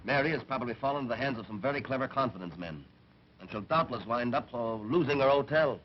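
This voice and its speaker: A scheming attorney, heard through a muffled, faintly hissy early talkie film soundtrack. He speaks in a measured, stern way at an ordinary male pitch, in the manner of 1930s screen drama. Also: animated.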